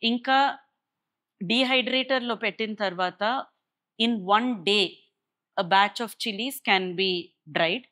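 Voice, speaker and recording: A woman with an Indian Telugu accent explains a maker center's projects in an interview, moving freely between Telugu and English and slipping English phrases into Telugu sentences. Her medium-pitched voice is bright and forceful, and she takes it slowly.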